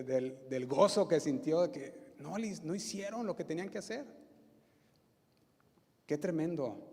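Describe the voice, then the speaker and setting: A man's voice: medium pitch, dark tone. A male pastor with a Mexican Spanish accent preaching a sermon, using emphatic repetition and rhetorical questions. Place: church hall. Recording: reverberant church hall.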